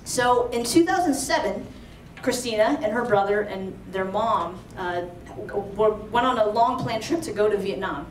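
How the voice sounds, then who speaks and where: Speaking unhurriedly and with few pauses, this young woman from Alexandria, Virginia, shares a true story at a live storytelling event, peppering her chatty talk with "like" and "you know." Her voice sits in the mid-range. The roomy venue and distant mic leave her sounding off-mic, with slight background noise.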